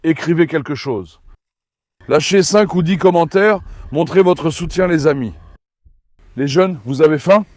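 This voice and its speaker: A man with a fairly high voice hosts a casual dog vlog, recorded dry and close. He coaxes his dogs with affection and pleads with his viewers. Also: a little slow, a little mellow, no echo. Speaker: dog breeder and vlog host.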